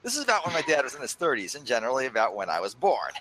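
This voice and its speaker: A man's voice: medium pitch, very fast, slight background noise, low-quality recording. A man hosting a video game let's play who reads a funny story aloud with lots of laughs. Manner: animated, laughs between lines. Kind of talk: casual gaming commentary with a dramatic story reading.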